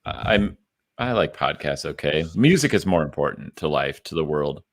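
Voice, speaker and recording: Deep-voiced man with lively, snarky delivery. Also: moderate pace. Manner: lively, snarky, swears casually. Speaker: podcast co-host. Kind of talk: casual chat.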